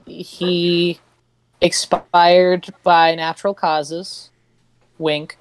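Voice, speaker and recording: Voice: mid-range voice, flat delivery, drawn-out words, a little hiss or hum, poor audio. A player voicing Kat, a scheming woman mage in a tabletop game who talks wryly and casually. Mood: sly.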